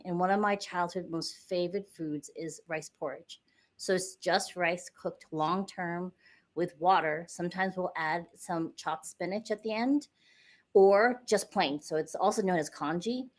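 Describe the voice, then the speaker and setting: A middle-aged woman from the United States, a podcast guest chatting casually and explaining things step by step with a few fillers. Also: on the low side. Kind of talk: casual interview chat.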